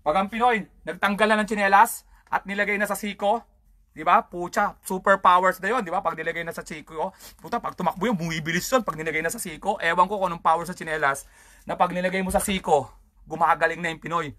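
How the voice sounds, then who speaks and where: A comedian hosts his own show with a crude, rambling rant full of swearing. His voice is bright and forceful. The sound is dry and close, with no room echo. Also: high-pitched, fast talker. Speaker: comedian host. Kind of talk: casual stand-up style rant.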